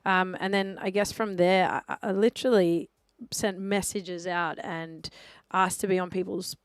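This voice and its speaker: A woman with an Australian accent, a DJ talking easily as a guest in a radio studio, chatty and filling pauses with ums. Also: on the low side, fairly even intonation, smooth, no room sound. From Melbourne, Australia. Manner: chatty, easygoing, many ums and uhs. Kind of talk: casual radio interview.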